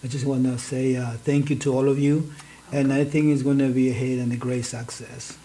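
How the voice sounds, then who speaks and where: A man's voice: mid-range voice, level tone, a little fast, dark tone, low-quality recording. A man from northern Peru, a guest who speaks hesitantly and repeats words. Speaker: interview guest, cast member.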